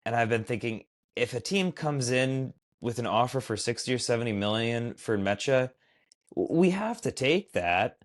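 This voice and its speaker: A man's voice: mid-range voice, expressive, normal speed. A man co-hosting a casual podcast chat, hesitant and restarting his sentences often. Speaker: podcast co-host.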